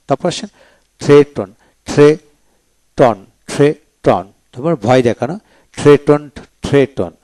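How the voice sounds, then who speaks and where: A man teaching English verbs with a Bangladeshi accent, repeating each word slowly for his students. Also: mid-range voice, darkish tone, no room sound. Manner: slow, repetitive word-by-word drilling. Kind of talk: pronunciation drill lesson.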